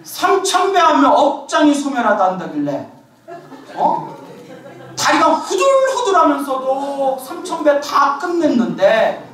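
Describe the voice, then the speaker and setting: A male monk voicing a feisty old laywoman who scolds loudly, with a shrill, exclaiming delivery. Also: very animated, unhurried, full character voice. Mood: scolding. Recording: echoey hall, distant mic.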